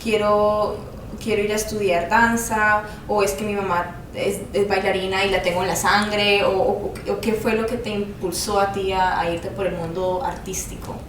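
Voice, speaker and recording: A woman hosting a podcast interview, chatting warmly and affectionately with her guest. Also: little pitch movement, normal speed. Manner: warm, affectionate remarks. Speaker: podcast host. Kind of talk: casual interview. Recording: echoey room, slightly distant mic, faint rumble.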